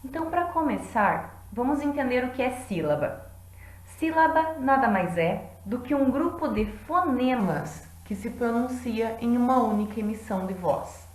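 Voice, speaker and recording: A woman teacher giving a lesson in a clear, deliberate way, clapping out syllables. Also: on the high side, expressive, roomy sound, low-quality recording. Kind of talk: classroom lesson.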